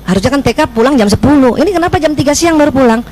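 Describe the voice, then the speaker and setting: Lively woman lecturing mothers. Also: high-pitched, very fast, poor audio. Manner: questions the audience often, acts out scolding scenes. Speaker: speaker giving a parenting talk. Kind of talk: lively religious parenting talk to mothers.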